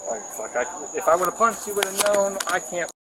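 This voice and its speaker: A man's voice: high voice, lively intonation, moderate pace. Agitated young man on body cam. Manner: agitated, swearing, rambling restarts. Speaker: neighbor giving a statement to police. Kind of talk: body camera street statement. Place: outdoors on a residential street at night. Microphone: police body camera. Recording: noisy outdoor body cam audio.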